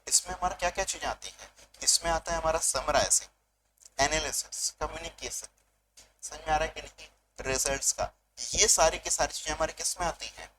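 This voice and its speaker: A male commerce teacher giving a revision lecture, mixing Hindi and English, asking questions and answering them himself, and reading out definitions slowly. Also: on the high side, background noise. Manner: switches between Hindi and English mid-sentence. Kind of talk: online exam revision lecture.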